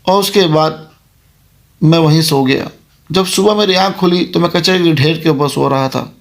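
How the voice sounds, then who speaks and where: A man's voice: fairly high pitch, moderate pace, gravelly. A man narrating a first-person horror story in a plain, conversational recounting manner.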